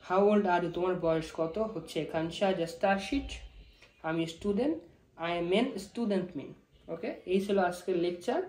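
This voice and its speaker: A man's voice: sits high, darkish tone. Man teaching words, echoey room. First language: Bengali. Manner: repeats words slowly, spells them out. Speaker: language teacher. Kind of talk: casual spoken lesson.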